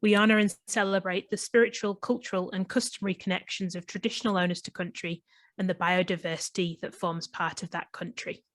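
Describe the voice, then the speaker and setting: A chemist guest-presents an online talk over a video call from her home during lockdown, friendly but full of ums and restarts. Her Northwest English accent falls between Manchester and Liverpool with a slight Australian twang. Her voice is fairly low, steady, and fairly quick, recorded dry.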